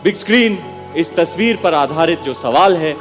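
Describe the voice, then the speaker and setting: A man with a fairly high voice hosts a quiz show with playful energy. He teases the contestants and mixes Hindi with English phrases. A soft music bed runs beneath him. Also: animated, moderate pace. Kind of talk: energetic game show hosting.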